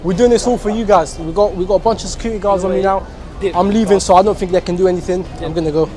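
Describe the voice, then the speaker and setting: A man's voice: high voice, fairly even intonation, racing, over music. A man in his twenties with a London roadman accent, doing brash, slangy prank banter in a casual vlog style. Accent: London, urban roadman slang style. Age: 20s. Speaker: prank vlogger. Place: large clothing store and shopping centre.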